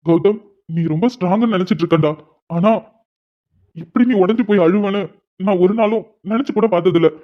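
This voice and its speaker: கவலையுடன் வேகமாகக் கெஞ்சிப் பேசும் அக்கறையுள்ள இளைஞன் நண்பனாக நடிக்கும் ஒருவர். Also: male voice, high-pitched, close to an everyday voice. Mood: urgent. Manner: rapid urgent pleading. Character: caring young friend, pleading, worried. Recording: dull lo-fi sound.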